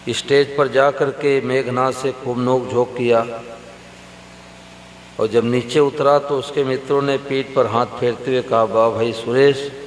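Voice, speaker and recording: Slow-speaking male preacher in echoing hall. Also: medium pitch, steady tone. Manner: slow, storytelling, addresses the audience directly. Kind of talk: devotional sermon. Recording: roomy hall reverb with faint hum.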